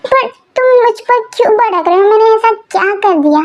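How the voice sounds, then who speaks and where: A tearful young girlfriend pleads and stammers in a very high voice, as a woman puts her on. She is a figure in a voiced fan-fiction audio story. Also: lively intonation, brisk. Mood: hurt.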